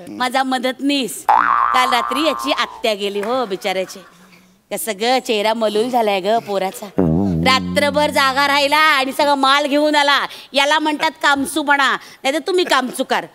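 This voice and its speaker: A woman's voice: sits high, lively intonation, moderate pace, pushed and bright, soft background music. A woman playing a bossy, teasing shopkeeper in a comedy sketch, sometimes switching into Hindi on the phone. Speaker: shopkeeper selling snacks. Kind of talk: Marathi comedy sketch acting.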